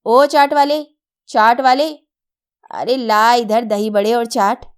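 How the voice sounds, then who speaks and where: A woman's voice: medium pitch, fairly even intonation, unhurried, clean tone, lightly acted. A woman voicing a jovial, teasing young man who indulges his little nephew. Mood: calling out. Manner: playful, loud hawker calls.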